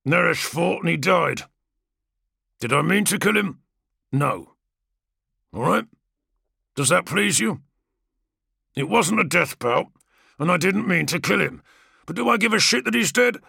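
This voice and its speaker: A man's voice: high voice, expressive, a little slow, gravelly, long pauses, husky, dry recording, clean studio sound, pitched above the performer's own voice, exaggerated voice. A man doing a brash, mocking warrior brute. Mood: brash taunting. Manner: taunting, sarcastic, rising to shouts. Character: brash, mocking male superhuman gladiator warrior.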